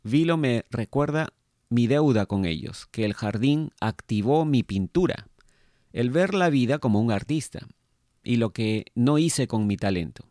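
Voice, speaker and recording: A man's voice: mid-range voice, animated, a little slow, dark tone, no echo, clean studio sound, close to an everyday voice. A man reading aloud and voicing a vain, jovial male spirit who was once a painter, with a teasing, playful lift in his speech. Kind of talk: read-aloud book dialogue.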